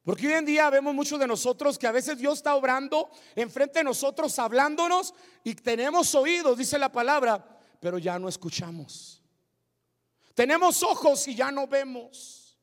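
A male pastor preaching a sermon, moving between shouted climaxes and hushed asides. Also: very high voice, moderate pace, long reverb tail. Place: church sanctuary with congregation.

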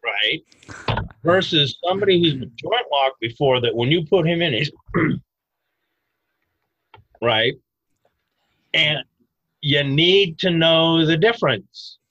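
A man explaining self-defense techniques in a podcast interview, animated and emphatic, breaking into loud mock outbursts. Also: a little high, takes it slowly, long pauses, no echo, highs cut off.

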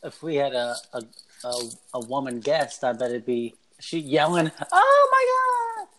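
A man co-hosting a casual podcast, often halting and stumbling over his words. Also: medium pitch. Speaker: podcast co-host.

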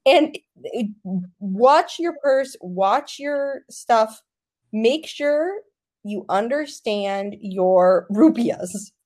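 A woman's voice: on the high side, animated, extremely slow, a little mellow. A young woman co-hosting a podcast, telling a travel story in casual chat and laughing often. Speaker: podcast co-host.

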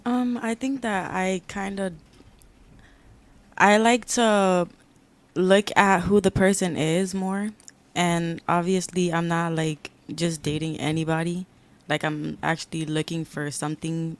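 A woman's voice: fairly low pitch, steady tone, a little slow. A nineteen-year-old woman guest on a podcast, answering hesitantly with lots of "like" and "um". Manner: hesitant, filler-heavy. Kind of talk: casual podcast chat.

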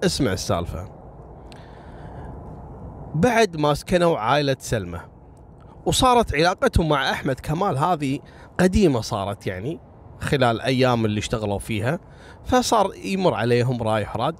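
A man's voice: mid-range voice, very animated, a little fast, long pauses, a little hiss or hum. Chatty male storyteller. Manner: chatty, addresses listeners directly with moral asides. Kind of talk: casual storytelling narration to listeners.

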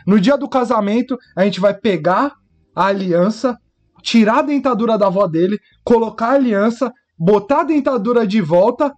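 Man, Brazilian accent, high voice, joking, slangy, casual podcast banter. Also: animated, moderate pace. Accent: Brazilian Portuguese. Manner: joking, slangy, laughs often. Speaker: podcast co-host.

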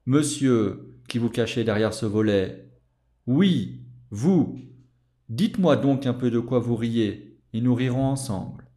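A man voicing a hot-tempered young Gascon nobleman who loudly calls out a stranger, as a character line in an audiobook reading. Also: medium pitch, steady tone, normal speed, hardly any pauses, natural voice. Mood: indignant. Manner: loud, challenging outburst.

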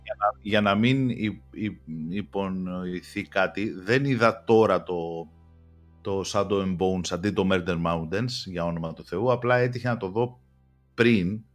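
A man's voice: sits low, faint music behind. A young man, co-hosting a podcast and chatting casually about TV series, with a rambling way of talking full of restarts. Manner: rambling, many restarts and fillers. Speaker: podcast co-host.

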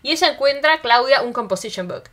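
A woman's voice: high-pitched, fast talker. A young woman with an Argentine accent, chatting casually about a film and acting out the characters' lines as she retells the scenes. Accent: Rioplatense Spanish. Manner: animated retelling, acts out quotes, fillers like tipo. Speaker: film discussion co-host. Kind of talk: casual chat recapping a film.

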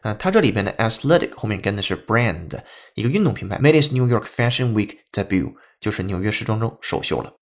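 A man's voice: on the low side, lively intonation, fairly quick, hardly any pauses. A man hosting a podcast English lesson, explaining step by step and spelling words out letter by letter. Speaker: English teacher.

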